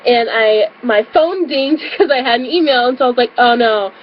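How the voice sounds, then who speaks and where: A young woman with a high voice chats through a story for her vlog. She giggles and leans on lots of fillers as she talks. The recording sounds slightly muffled, with a faint hum of the room behind her. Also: brisk. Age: young adult. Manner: bubbly, giggly, frequent fillers. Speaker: vlogger. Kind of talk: casual storytelling.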